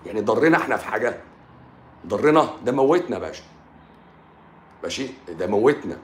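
A middle-aged man with an Egyptian Arabic accent, giving a doctor's health talk in an animated, mocking, emphatic colloquial style, mixing in English medical terms. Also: on the low side, fairly quick, a little hiss or hum. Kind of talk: animated lecture. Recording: echoey room.

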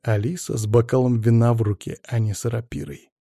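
A man narrating an audiobook in an even storytelling manner. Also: mid-range voice, brisk, creaky, no room sound, clean studio sound. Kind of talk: scripted narration.

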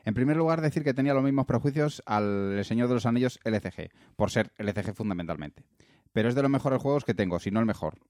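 A man's voice: medium pitch, animated, fast talker, a little mellow, dry recording. Man reading aloud, very dry sound. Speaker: podcast co-host. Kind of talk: reading listener comments aloud with casual asides.

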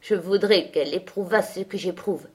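A woman's voice: on the low side, moderate pace, darkish tone, breathy edge. A woman reading aloud, voicing a sickly, spiteful teenage boy with a whiny, taunting manner. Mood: whining.

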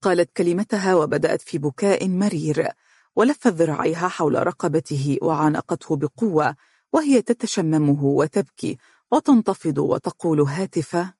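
A man narrating a novel in a steady, measured reading voice. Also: a little high, slightly rough, no room sound, clean studio sound. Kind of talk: audiobook narration.

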